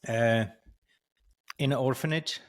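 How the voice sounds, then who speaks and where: A Swiss man, an entrepreneur and coach, tells his life story as a podcast guest over a video call, using a studio mic on a stand. His medium-pitched voice carries a little hiss or hum, and he speaks haltingly, with many restarts and fillers, laughing as he tells his stories.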